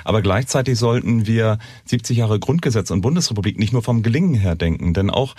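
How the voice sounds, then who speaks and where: A man's voice: on the low side, lively intonation, fairly quick, darkish tone, husky, dry recording. A man speaking as a guest historian in a panel discussion, fluent and explanatory, laying out points in a row.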